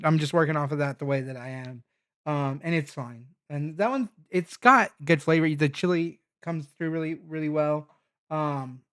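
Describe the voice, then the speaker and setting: A man's voice: fairly high pitch, a bit bright. A man casually thinking aloud as he reviews hot sauces, rambling with lots of fillers and restarts. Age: adult parent.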